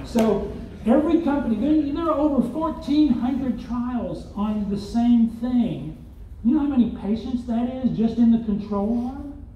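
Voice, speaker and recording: Recorded by an audience member's phone far back in a big hotel hall, an older Arkansas man with a Southern accent delivers a keynote laced with rhetorical questions and dry asides. His voice is very high-pitched and a little slow, and the echoey, distant, dull audio carries a slight hiss or hum.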